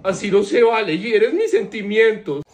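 A man's voice: sits high, lively intonation, normal speed, music in the background. A man, making playful family skit videos and cooing at his pets. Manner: playful, coos affectionately. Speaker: family vlogger. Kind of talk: comic family skits and pet vlog.

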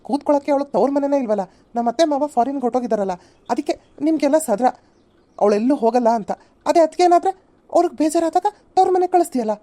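A woman's voice: sits high, expressive, fast, mellow. A woman voicing a young husband in a family cartoon who argues with his elder brother. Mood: arguing. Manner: argumentative. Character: protective young husband, blunt.

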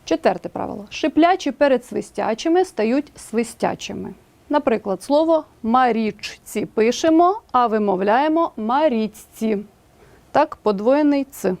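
Clear-speaking woman teaching a lesson. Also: fairly high pitch, lively intonation, darkish tone. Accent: Ukrainian. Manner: clear, slow enunciation of example words. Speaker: language teacher. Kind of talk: scripted lesson narration.

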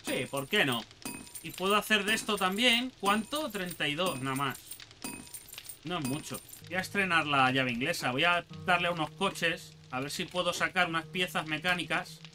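Excitable high-voiced Spanish gamer man. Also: moderate pace, faint music behind. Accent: Spain Spanish. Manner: excitable, talks to himself and the game, swears casually. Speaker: gaming channel host. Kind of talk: let's play commentary.

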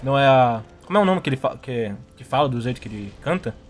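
A man's voice: medium pitch, animated, fast talker. Young male, Brazilian accent, slushy tongue-tied sibilants, loose slangy gamer chat. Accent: Brazilian Portuguese. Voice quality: slushy lisp, tongue-tied s and z, poor diction. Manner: slangy, laughs often. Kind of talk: casual chat over gameplay.

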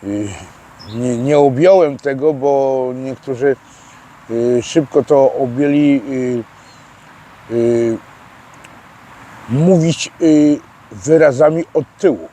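Hesitant male interviewee outdoors, slow and halting, ordinary middle pitch. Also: mellow. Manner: hesitant, many fillers and restarts. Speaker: interviewee explaining prison slang. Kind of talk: casual interview answers. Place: outdoors by a street.

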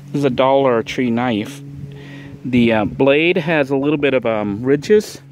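A man's voice: medium pitch, a little slow, faint music behind. A man narrating a casual outdoor vlog, rambling and thinking aloud with lots of fillers, recorded on a handheld camera. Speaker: vlogger building a shelter. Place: outdoors in brush.

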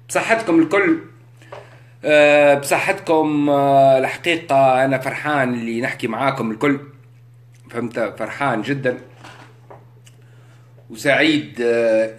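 A man with a Tunisian accent in a casual live-stream monologue. He talks rhetorically, mixes in French, and keeps asking his listeners if they understand. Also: medium pitch. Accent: Tunisian Arabic. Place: indoors, live on social media. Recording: echoey room.

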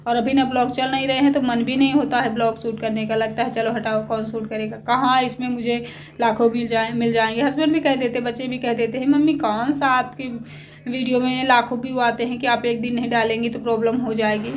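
Speaking a bit fast in a flat, high-leaning voice, this middle-aged woman rambles casually and confidingly to viewers of her small family vlog. She's home by herself and sounds unwell, worn out and a touch short of breath. Her handheld phone picks up plenty of noise.

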